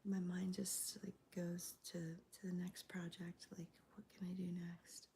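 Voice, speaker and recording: A woman whispers through a live chat in a flat, even murmur, her voice gravelly from a cold. The tone is soft and mellow, with a faint hiss of ambience behind her. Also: fairly low pitch, a little slow. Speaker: crochet livestreamer. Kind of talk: whispered ASMR livestream chat. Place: home, early morning.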